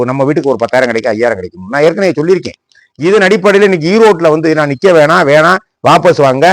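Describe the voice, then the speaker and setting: A man's voice: a little high, no room sound. A man from Tamil Nadu with a Tamil Nadu Tamil accent, delivering a heated political commentary monologue. He scolds sarcastically and fires off rhetorical questions.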